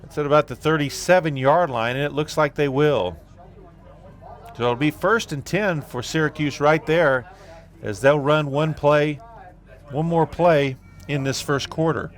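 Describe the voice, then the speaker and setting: A man doing play-by-play commentary on a local football game, calling plays briskly with relaxed asides. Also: fairly high pitch. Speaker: play-by-play announcer.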